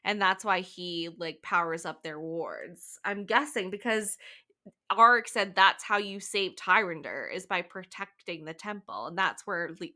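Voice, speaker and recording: Bright chatty woman cohost, does little voices for the characters while recapping. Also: on the low side, expressive. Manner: chatty, acts out characters' lines in quick asides. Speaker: podcast co-host. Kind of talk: casual book club chat.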